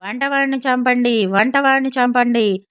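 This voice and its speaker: A woman voicing a furious, hot-tempered male king in a storybook, shouting repeated orders in a lower voice. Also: measured pace, clean tone, no room sound.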